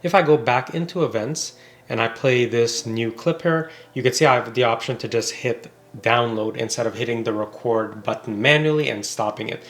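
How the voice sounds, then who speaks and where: A man narrates a product review at a moderate pace in a mid-pitched voice. His explanations are informal and easygoing, like a conversation.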